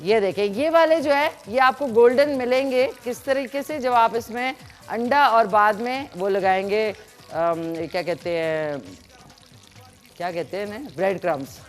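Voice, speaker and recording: A woman's voice: fairly high pitch, measured pace, faint music behind. Chatty woman hosting a cooking show. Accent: Pakistani Urdu. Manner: chatty, demonstrative, explains recipes while cooking. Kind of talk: live cooking show with phone-in callers.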